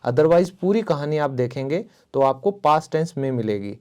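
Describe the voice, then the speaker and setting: A man's voice: on the high side, lively intonation, a little mellow, smooth. Indian man teaching a reading lesson. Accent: Indian English. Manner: reads English word by word at a slow pace, then explains briskly. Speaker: English teacher. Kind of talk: bilingual reading lesson, reads English slowly and explains in Hindi.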